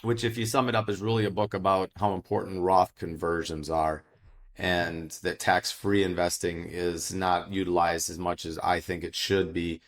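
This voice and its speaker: A middle-aged American man, a financial advisor, giving steady, explanatory answers in a casual interview. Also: low-pitched, moderate pace. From United States.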